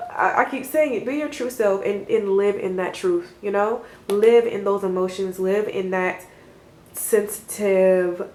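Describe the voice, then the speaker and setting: A woman's voice: medium pitch, unhurried, darkish tone. Chatty woman giving a tarot reading. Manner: rambling and reassuring, with frequent laughs and fillers. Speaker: tarot reader. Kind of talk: casual spoken tarot reading. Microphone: camera mic. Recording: roomy echo.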